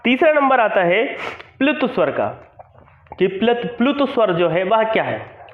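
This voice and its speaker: A man with a high voice teaches a grammar lesson, repeating each term and posing questions he answers himself. His voice comes through tinny and phone-like, bouncing around an echoey room. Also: big pitch swings, measured pace. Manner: explains step by step, repeating terms and asking questions then answering them. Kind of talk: classroom-style grammar lesson.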